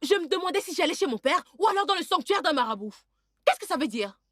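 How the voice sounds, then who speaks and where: An indignant, scolding young princess in a French film dub. Her voice is very high and jumps about as she rattles off complaints. The sound is dry. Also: big pitch swings, quick pace, a bit bright, dry recording, full character voice.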